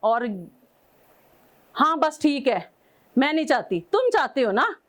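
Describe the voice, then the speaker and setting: Pakistani woman, high voice, upset caller, scolding and pleading. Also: big pitch swings, takes it slowly. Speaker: caller, estranged wife. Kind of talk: angry phone call to husband.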